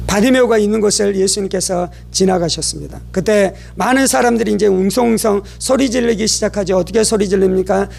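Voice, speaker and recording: Man, pastor, sermon, high-pitched, gravelly, dramatic preaching, rhetorical questions. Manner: dramatic preaching, rising to shouted cries when quoting the blind man.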